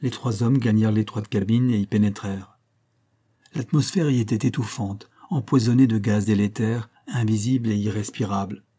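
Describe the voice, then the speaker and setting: A man narrating a novel in a measured, literary reading. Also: fairly low pitch, warm tone, slightly rough. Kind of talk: scripted narration.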